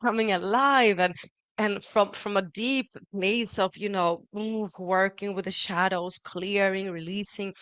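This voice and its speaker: An animated woman from Sweden and Greece talks spiritual matters in a loose, laughing way full of "you know" and "like". Her voice sits at a middle pitch and sounds dry and close, with no room around it. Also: measured pace, clear, resonant tone, no echo. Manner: animated, laughs often, many fillers. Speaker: spiritual teacher, co-host. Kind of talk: casual spiritual chat on a live stream.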